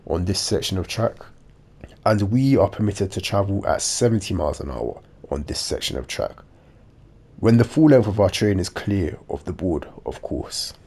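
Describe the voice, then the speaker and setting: A man with a blocked nose giving measured, matter-of-fact game commentary, sounding nasal and a bit dopey. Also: sits low, warm tone, slightly rough. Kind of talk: measured instructional gameplay commentary.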